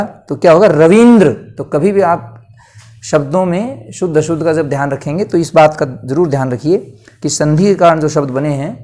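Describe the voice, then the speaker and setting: A man teaching a Hindi grammar lesson, explaining slowly and asking and answering his own questions. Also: fairly high pitch, dark tone.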